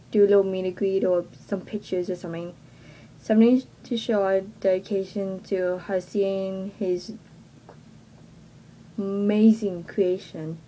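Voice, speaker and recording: A young woman with a Texan accent talks into her webcam from a small bedroom, slowly and a bit self-consciously, often reaching for "like." Her voice is soft and mellow. A faint hiss of room noise sits under the recording. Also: mid-range voice, rough recording. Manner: hesitant, filler-heavy, self-conscious. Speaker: vlogger. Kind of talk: casual announcement to viewers. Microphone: webcam at close range.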